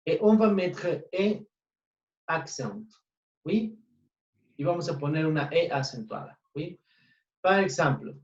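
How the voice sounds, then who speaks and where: A man teaching French in an online class, often pausing to check that the students follow. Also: a little high, a little mellow. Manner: checks understanding with frequent "sí?" and "oui". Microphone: computer mic on a video call. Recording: dull, distant, echoey online call audio.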